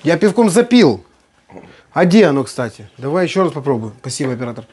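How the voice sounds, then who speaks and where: Chatting away as he cooks, the host of a home cooking video sounds folksy and playful, sprinkling in fond diminutives. He talks fast in a slightly high, sing-song, somewhat mellow voice, while kitchen work clatters and clicks around him.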